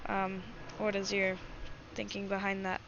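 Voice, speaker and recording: A woman's voice: medium pitch, completely flat delivery, unhurried, creaky. A woman hosting a livestream, giving casual, chatty live commentary and speaking directly to her viewers. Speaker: livestream host. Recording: dull lo-fi mic with faint noise.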